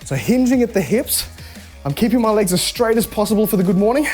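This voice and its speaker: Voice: medium pitch, lively intonation, fast, darkish tone, soft background music. An instructor coaching a live home workout, chatty and encouraging while demonstrating the moves. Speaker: fitness instructor.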